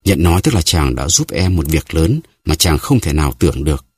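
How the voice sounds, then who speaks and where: A man voicing a scheming, seductive noblewoman who speaks softly and tenderly in an audiobook. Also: extremely low pitch, very animated, a little fast, husky, dry recording, studio quality, exaggerated voice. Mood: pleading. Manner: soft, cooing, pleading.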